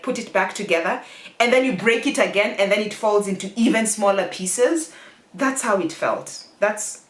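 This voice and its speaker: A Kenyan woman vlogger telling a personal story candidly and emotionally, laughing often as she tells it. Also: mid-range voice. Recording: echoey room.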